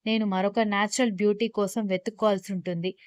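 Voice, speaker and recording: A woman's voice: medium pitch, fairly even intonation, fast, smooth, dry recording, close to an everyday voice. A woman narrator voicing a teasing, possessive young husband in an audio love story, speaking in a playfully bossy way.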